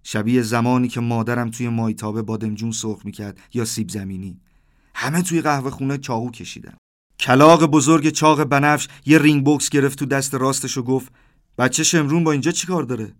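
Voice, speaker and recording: A man in his thirties tells a dreamlike first-person story in a steady, mid-range voice. His delivery stays plain through the narration, then grows more animated whenever he voices the back-and-forth of the characters. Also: mid-range voice. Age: 30s.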